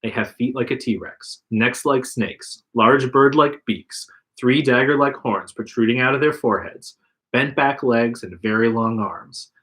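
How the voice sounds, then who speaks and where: A man's voice: medium pitch, measured pace, a bit bright. A man reading an interactive gamebook aloud on a livestream podcast, putting on voices for the dialogue. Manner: reads narration plainly, puts on voices for dialogue. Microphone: livestream podcast mic.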